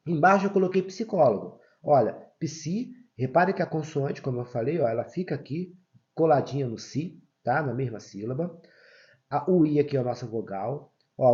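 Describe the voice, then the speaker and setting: A man's voice: mid-range voice, mellow, highs cut off. A man teaching a grammar lesson, explaining patiently and checking in often with his students.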